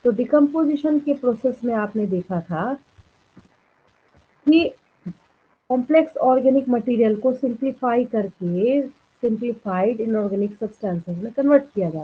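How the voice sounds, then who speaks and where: A woman biology teacher giving a classroom lecture, dictating notes slowly word by word and often checking that students follow. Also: a little high, breathy edge. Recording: tinny phone-like sound.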